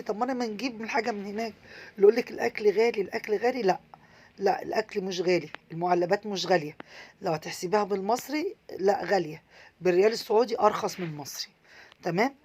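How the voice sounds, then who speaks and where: A woman with an Egyptian Arabic accent giving casual, earnest travel advice, animated and repeating herself for emphasis. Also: mid-range voice, slightly rough.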